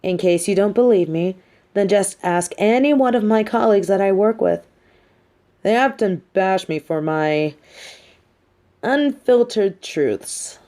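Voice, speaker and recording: In a dramatic audio roleplay monologue, a woman voices a smug, sardonic yet sympathetic female supervillain, negotiating in articulate speech. Her medium-pitched voice is expressive, a little slow and dark-toned, and the performance is lightly acted.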